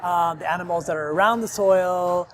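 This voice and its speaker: A restaurant owner who grew up in Nigeria in a Lebanese family appears as a podcast guest, recorded in a restaurant. His answers are earnest and rambling, full of ums. His voice is high-pitched with fairly even intonation and a moderate pace.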